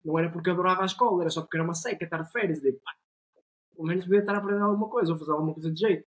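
Fast, slangy young Portuguese man. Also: high voice, a bit bright. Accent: European Portuguese. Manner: enthusiastic, slangy, swears freely. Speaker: podcast co-host. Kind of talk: casual podcast chat.

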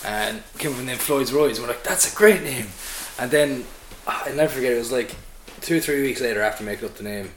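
Talking fast with hardly a pause, a Sligo man with a medium-pitched voice and a west of Ireland accent chats casually as a band member under interview. He swears, jokes and tells anecdotes; the setting is indoors on pub or venue premises, and the audio carries a roomy echo plus faint noise and clicks.

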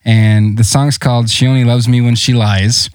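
Lively male podcast host, dry close sound. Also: medium pitch, moderate pace, clean tone, no room sound. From South Dakota, USA. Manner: animated storyteller, acts out quoted voices. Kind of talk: casual chat.

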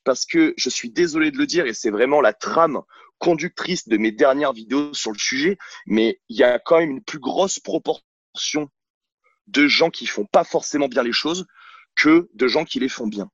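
A man's voice: mid-range voice, animated, moderate pace, fairly bright tone, dry recording, dull audio. A man working as a sports coach, guest on a podcast, talking bluntly and outspokenly in a casual interview, with many hesitations and restarts. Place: at home on a couch, filming himself. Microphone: camera mic.

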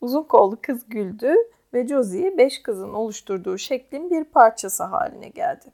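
A woman narrating an audiobook in a calm, measured first-person voice. Her voice sits somewhat high. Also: vocal fry.

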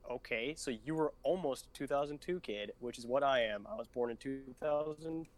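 A man's voice: mid-range voice, fairly quick. A young man co-hosting a casual podcast, talking earnestly and pressing with questions. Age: young adult. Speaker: podcast co-host.

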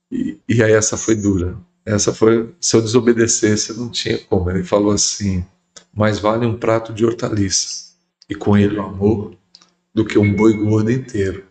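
Bishop guest, middle-aged male, animated storyteller who voices the people he quotes. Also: lowish voice, moderate pace. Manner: lively storyteller who acts out quoted dialogue. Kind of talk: storytelling in a podcast interview.

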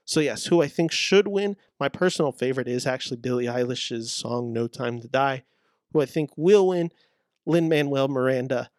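A man giving frank, animated awards-prediction commentary as a film reviewer, reading out quotes. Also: medium pitch, no room sound, clean studio sound.

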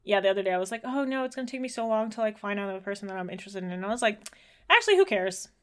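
A woman in her twenties co-hosting a podcast, chatting casually with lots of filler words and quick laughs. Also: medium pitch, lively intonation, clean tone. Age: 20s. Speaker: podcast co-host. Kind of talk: casual chat.

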